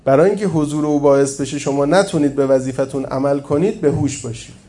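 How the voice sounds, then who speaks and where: A man's voice: a little high, mellow, natural voice. A man reading the part of a stern, zealous man who urges harsh discipline, insistent and commanding.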